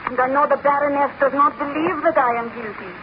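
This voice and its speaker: A woman's voice: sits high, steady tone, fast, natural voice. Woman as a desperate young servant girl. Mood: pleading. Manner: pleading, indignant, earnest. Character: frightened young female servant accused of murder. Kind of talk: 1930s radio drama acting. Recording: hissy, muffled 1930s radio recording.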